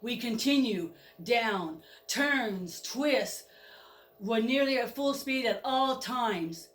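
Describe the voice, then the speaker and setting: A woman's voice: fairly high pitch, takes it slowly, echoey room. A woman storyteller narrating a story in the first person with dramatic delivery. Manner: dramatic, with spoken train sound effects.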